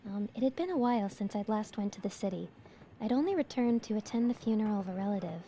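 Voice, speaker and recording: A woman from New York giving soft, hushed voice to the narrator of a horror visual novel, as a whispered role-play. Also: mid-range voice, steady tone, moderate pace, a little hiss or hum, close to an everyday voice.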